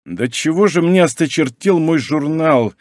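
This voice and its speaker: A man's voice: fairly high pitch, lively intonation, a little slow, a little mellow, dry recording, clean studio sound, voice pushed up. A man voicing a nervous, jaded editor in his forties who grumbles sharply about his work. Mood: grumbling. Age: 40s. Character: jaded, nervous, expansive middle-aged male editor.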